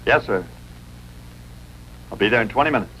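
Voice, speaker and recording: An actor playing an easygoing, teasing Air Force captain and husband in a 1950s TV broadcast drama, with folksy banter. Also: male voice, medium pitch, animated, normal speed, pushed and bright. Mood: mild, reassuring. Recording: noisy old 1950s TV soundtrack.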